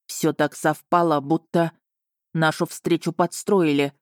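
Brooding young nobleman voiced by a woman, low and clipped, close dry read. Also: fairly even intonation, dry recording. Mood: suspicious. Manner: curt, clipped, slow and menacing. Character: brooding young male duke, stern and suspicious. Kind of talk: audiobook character reading.

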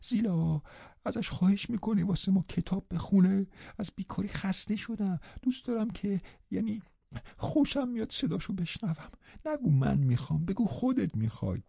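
A man voicing an awkward young man in an audiobook, speaking in a hushed, halting way. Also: very high-pitched, expressive, no echo, dull audio, voice pushed up. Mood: shy pleading. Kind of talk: audiobook character voice.

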